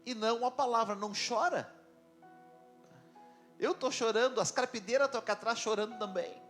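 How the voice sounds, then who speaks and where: A grieving mother on the way to bury her son, pleading and protesting that she cannot stop crying, as a preacher puts her on in his own voice. She speaks, and the voice sits very high. Soft music plays faintly behind. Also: fairly quick.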